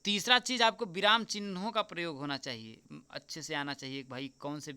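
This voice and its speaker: A man teaching as an exam tutor, going through a paper answer by answer, repeating the key answers slowly and often checking with "right?". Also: fairly high pitch, bright, forceful tone, smooth. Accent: Hindi. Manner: repeats answers slowly, keeps asking "ठीक?"; addresses viewers as friends.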